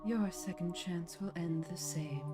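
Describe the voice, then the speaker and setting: A woman voicing a haughty, menacing dark queen from a game, very soft, unhurried and imperious. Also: lowish voice, over music, close to an everyday voice. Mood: cool menace. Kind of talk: dramatic game character read.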